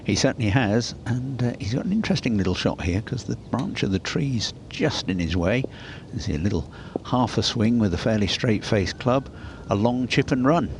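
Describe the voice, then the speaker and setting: A man's voice: mid-range voice, animated, moderate pace, hardly any pauses, slight background noise. A man giving conversational golf commentary as an analyst, chatting appreciatively through each shot.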